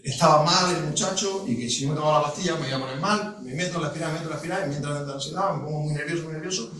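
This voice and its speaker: A man's voice: a little high, a bit bright. Middle-aged guy telling a story at a talk, stops and restarts a lot, sounds far off in a big echoey hall. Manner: halting, with many restarts and asides. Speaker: guest speaker at a panel talk. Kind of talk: personal storytelling to a live audience.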